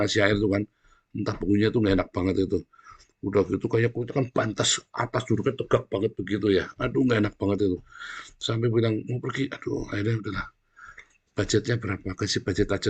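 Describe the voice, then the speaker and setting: Gravelly-voiced man preaching a blunt sermon. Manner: blunt and coarse, often addressing the congregation as "saudara"; bursts into loud shouting, then drops low. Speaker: pastor. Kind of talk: fiery sermon.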